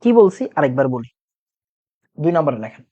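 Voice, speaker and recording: A man's voice: a little high, expressive, fairly quick, warm tone, husky, dull audio. A young man teaching a chemistry class online, with a sore throat, repeating each point and quizzing his students. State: sore throat from talking loudly.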